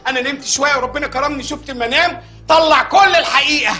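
A man's voice: very high-pitched, fast talker, bright, forceful tone. An actor playing a frantic, lovesick Egyptian man with a drug habit in broad TV sketch comedy. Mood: rambling. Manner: frantic and overexcited.

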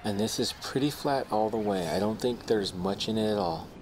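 Man acting as on-course golf commentator, video game, lowish voice, calm, understated, faint background noise. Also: moderate pace, close to an everyday voice. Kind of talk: golf commentary, reading the putt.

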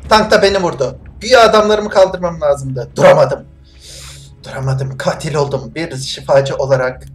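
A gameplay streamer commenting live, swinging between shouted bursts and muttered asides, joking around with mock-Italian phrases. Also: medium pitch, moderate pace, faint music behind.

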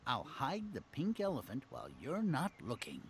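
A friendly toy teddy bear from a video game. The delivery is childlike and coaxing, swooping widely up and down with playful cheer. Some noise and ambience sit behind the voice. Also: male voice, mid-range voice, huge pitch swings, normal speed. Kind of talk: video game character acting.

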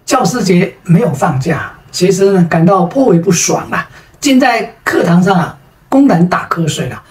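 A woman with a Taiwanese Mandarin accent telling a string of jokes, stretching out her sentence particles in a lively way. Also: fairly low pitch, moderate pace. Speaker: joke storyteller. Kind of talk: storytelling of jokes. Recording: roomy sound from a distant mic.

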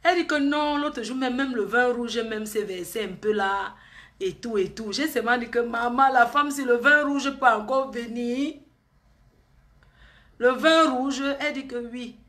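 A woman's voice: a little high, measured pace, fairly bright tone. A woman, chatting and gossiping on a live stream, teasing and often laughing.

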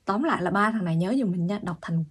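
A woman language teacher giving an online pronunciation lesson, explaining patiently and repeating sounds slowly. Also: fairly low pitch, breathy edge.

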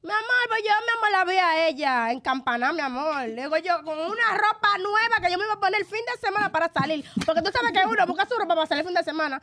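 A woman's voice: very high-pitched, fast, few pauses. A woman, co-hosting a podcast, who tells a story in casual chat and keeps calling listeners "mi amor". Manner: animated, repeats "mi amor", acts out quoted lines. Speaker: podcast co-host.

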